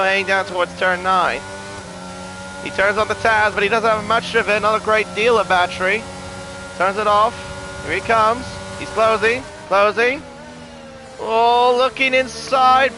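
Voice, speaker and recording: Guy doing motorsport commentary, kinda high voice, excitable play-by-play w chatty asides, car noise behind him. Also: normal speed. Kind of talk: live sim racing play-by-play commentary.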